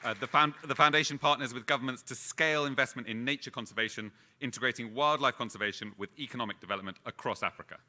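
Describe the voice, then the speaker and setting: A man's voice: medium pitch, fast talker, hardly any pauses, bright, forceful tone, a little hiss or hum. A man co-presenting an awards ceremony, reading nominees from a script with small stumbles. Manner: reads with small stumbles and restarts.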